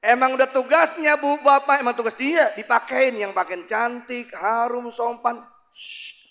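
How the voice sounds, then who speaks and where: A man's voice: extremely high pitch, normal speed, sharp tone, big-room sound. A man preaching a comic sermon at a mosque gathering, joking and acting out the voices of wives and flight attendants.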